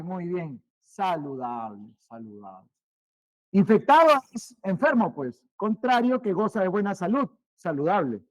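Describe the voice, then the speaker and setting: A male teacher, giving a vocabulary lesson, repeating each word more and more quietly and quizzing his students. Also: high-pitched, no echo, poor audio. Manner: repeats words, trailing off quieter, asks questions.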